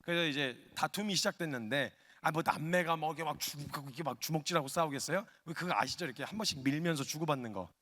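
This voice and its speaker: A male missionary preaching a humorous story-driven sermon, animated and acting out quotes, at a worship gathering. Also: fairly high pitch, fast, hardly any pauses. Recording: long hall reverb.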